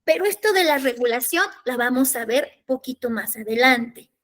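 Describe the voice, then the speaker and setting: High-voiced woman leading a parenting workshop. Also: expressive, normal speed, fairly bright tone. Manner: explanatory, checks in with listeners through tag questions. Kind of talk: workshop lecture.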